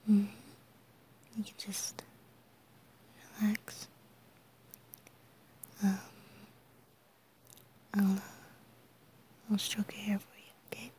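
Slow whispering woman, soft and giggly. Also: mid-range voice, completely flat delivery, a little hiss or hum. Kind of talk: ASMR roleplay, whispered comfort.

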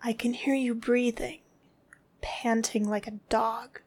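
A woman delivering a scripted dominant roleplay in a slow, commanding, contemptuous tone that often drops to a whisper. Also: a little high, little pitch movement, darkish tone.

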